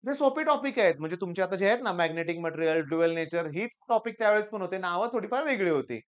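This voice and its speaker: A man's voice: high voice, lively intonation, fast, lo-fi sound. A middle-aged man, a tutor, giving an emphatic exam-preparation talk to students and telling stories from his classes. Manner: emphatic and urging, tells anecdotes to students. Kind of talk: exam-prep teaching talk.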